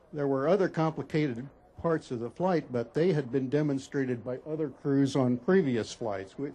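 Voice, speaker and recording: An older man recounting a past flight in an interview, halting and careful with many restarts. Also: mid-range voice, mellow. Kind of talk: recalled account in interview.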